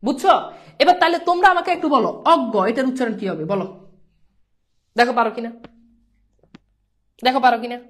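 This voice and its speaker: A woman's voice: on the high side, animated, brisk, pauses often. A woman teaching a live online grammar lesson, quizzing her students and repeating each pronunciation several times. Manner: sprinkles English words into speech.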